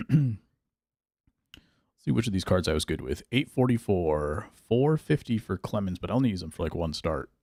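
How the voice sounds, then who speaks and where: Low, gravelly-voiced male streamer. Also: moderate pace, pauses often, no room sound, clean studio sound. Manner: thinks aloud, reads and answers chat, relaxed. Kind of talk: casual gameplay livestream chat.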